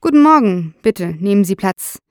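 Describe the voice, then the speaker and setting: A woman's voice: mid-range voice, lively intonation, normal speed, no room sound, studio quality, lightly acted. Brief: female narrator voicing a firm middle-aged detective, probing, crime audiobook. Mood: stern. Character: stern middle-aged male police detective.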